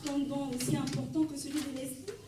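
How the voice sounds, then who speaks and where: A woman's voice: sits high, level tone, a little fast, heavy background noise, lightly acted. A young woman playing a cheerful church friend who encourages others, in an amateur church sketch. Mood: encouraging. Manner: encouraging, breezy. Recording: echoey church hall, distant mic, audience.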